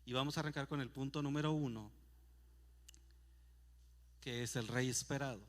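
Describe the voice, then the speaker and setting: A man's voice: medium pitch, fairly even intonation, moderate pace. A man preaching a sermon in a church, reading scripture aloud with emphasis and asking rhetorical questions. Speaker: pastor.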